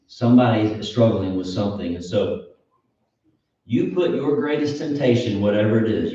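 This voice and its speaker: Guy preaching a sermon, mellow voice, way off mic in a big echoey church. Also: medium pitch. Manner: earnest, emphatic, asks the listeners questions. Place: church auditorium. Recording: echoey hall, distant mic, dull.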